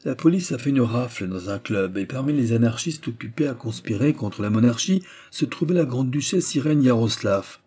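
A man's voice: medium pitch, lively intonation, fairly quick, hardly any pauses, mellow, husky. A man reading an audiobook voices a scheming prince and police chief who speaks in a cold, ironic, cynical way.

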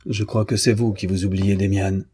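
Lecteur masculin jouant une jeune fille orgueilleuse et moqueuse, timbre sombre et voilé, ton dédaigneux. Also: male voice, fairly low pitch, normal speed, dark tone, husky. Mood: scornful. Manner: cutting, disdainful. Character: proud young woman, scornful and calm.

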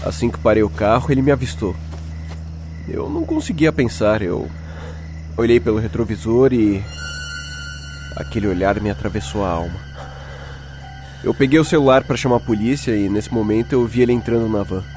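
In a lowish, natural voice with lively intonation, he takes a moderate pace and pauses often. As a shaken young Brazilian, he relates a tense, ominous first-person account of a night-time horror encounter, dramatizing the dialogue against background music.

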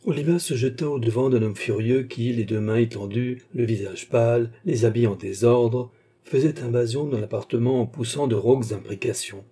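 A man reading a classic novel aloud in a measured, deliberate narration. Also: medium pitch, warm tone, slightly rough. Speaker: audiobook narrator. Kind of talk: literary audiobook narration.

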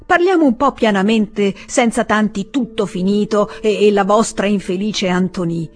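An ironic, patronizing elder brother, read by a woman in an audiobook, reasoning calmly and lecturing. The delivery stays close to the reader's own voice with a slight lift. The tone is husky. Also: medium pitch, moderate pace, voice pushed up, lightly acted.

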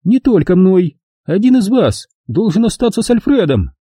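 A prim, haughty elderly lady, calculating and used to giving orders, her voice raised well above a man's normal register, as the narrator puts her on. The timbre stays dark and husky, and the recording is dry, close to the mic, with no room echo. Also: high-pitched, very animated, moderate pace, voice pushed up, full character voice. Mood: indignant. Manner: prim and commanding.

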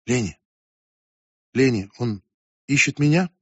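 A man's voice: expressive, slow, breathy edge, dry recording, muffled recording. Male reader doing a frightened teen girl, panicky, audiobook. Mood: anxious, small. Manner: high, panicky insistence.

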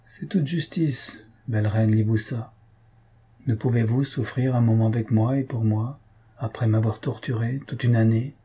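A man's voice: medium pitch, steady tone, moderate pace, a little mellow, husky. A man reading as a bitter, despairing nobleman. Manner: firm and reproachful.

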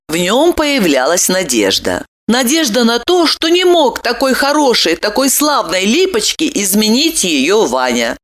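A woman narrating an audiobook in an expressive storytelling manner. Her voice sits fairly high, with very lively, animated swings in pitch.

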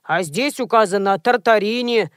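A woman's voice: medium pitch, moderate pace, dry recording, clean studio sound, lightly acted. A woman reading aloud and voicing a stubborn old man who grumbles and nitpicks over details. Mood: grumbling. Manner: grumbling and pedantic.

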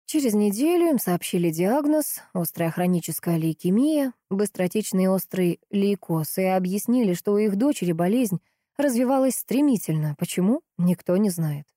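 Woman reading an audiobook, steady and measured, warm darkish voice, dry close sound. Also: medium pitch, no room sound. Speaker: audiobook narrator. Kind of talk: scripted narration.

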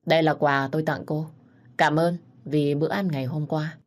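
A woman's voice: deep voice, steady tone, moderate pace, close to an everyday voice. A woman voicing a stern, haughty older mother-in-law with a cold, scolding manner. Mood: cool.

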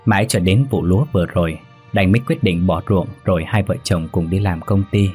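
A man narrating a scripted ghost story in a steady, unhurried way with a husky voice. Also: deep voice. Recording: soft music bed under the voice.

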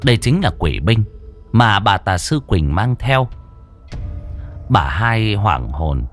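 A man narrating a horror story with a dramatic, expressive reading. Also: on the low side, takes it slowly, faint music behind.

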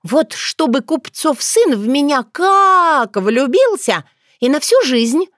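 A woman voicing a brash, jealous young village girl who talks in a shrill, squabbling way. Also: sing-song, a little slow, dry recording, studio quality. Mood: pleading. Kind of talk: audiobook character voice.

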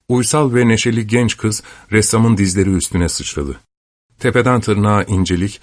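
Man, audiobook narrator, low voice, measured literary reading, dry close recording. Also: no room sound. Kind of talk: scripted narration.

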